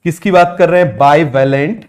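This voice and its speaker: A man teaching biology in a fast exam-prep lecture, firing quick questions at students and repeating key terms slowly, mixing with terms. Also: on the high side, a little mellow. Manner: rapid, drilling questions, repeats answers slowly.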